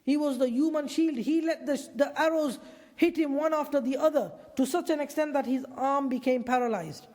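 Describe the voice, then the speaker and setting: High-voiced man preaching, hall reverb. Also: normal speed. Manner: animated, repeats phrases, restarts often. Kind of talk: sermon storytelling.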